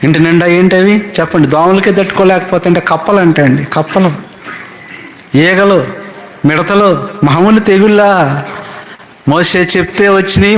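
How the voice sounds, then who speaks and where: A man preaching a sermon as pastor, animated, with big swings between high and low. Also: a little hiss or hum.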